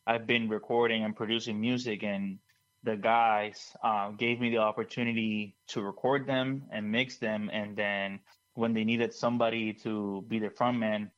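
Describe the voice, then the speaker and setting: A man's voice: on the low side, level tone, normal speed. A man from Puerto Rico, a band singer and producer, answering casually, repeating words as he searches for them, on a dull lo-fi call line.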